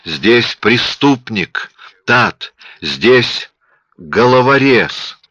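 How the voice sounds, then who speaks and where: A man's voice: mid-range voice, very animated, extremely slow, bright, forceful tone, breathy edge, no room sound, voice pushed up, exaggerated voice. A man voicing a terrified wounded woman, pleading in a raised, panicked voice, on dull lo-fi audio.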